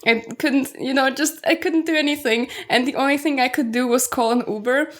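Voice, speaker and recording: A young woman co-hosting a relaxed podcast, her voice sitting a little high. She grew up in Germany and chats freely, often pausing to search for the right word. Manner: chatty, searching for words with many fillers. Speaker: podcast co-host. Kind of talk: casual chat.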